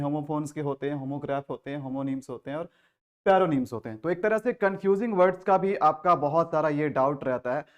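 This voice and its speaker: A man with an Indian accent teaching English vocabulary in an exam-prep lesson, explaining step by step and answering his own questions. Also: on the high side.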